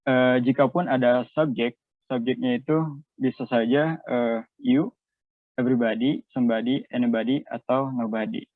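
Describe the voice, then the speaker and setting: A young man with an Indonesian accent gives a class presentation, reading from notes and explaining them hesitantly, with many fillers and switches between two languages. He speaks at normal speed in a mid-range, steady voice. The audio is dry and tinny, like a phone call.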